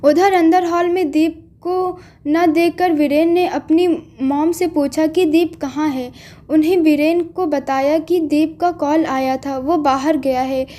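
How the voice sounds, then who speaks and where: A woman's voice: high-pitched, fairly even intonation, dark tone. A woman reading a family story aloud, restarting words now and then. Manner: slow reading with frequent restarts.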